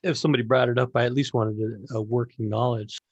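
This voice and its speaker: A man's voice: mid-range voice, steady tone, fast, no room sound. A man hosting a podcast, telling stories in a rambling, casual way with many restarts. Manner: rambling, storytelling, frequent restarts. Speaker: podcast host. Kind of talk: casual conversation.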